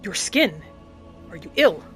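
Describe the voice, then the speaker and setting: Over faint background music, a woman narrates in character for a game, musing aloud dramatically as a roleplay commentator. Her lowish voice has a sing-song quality and moves a little slowly.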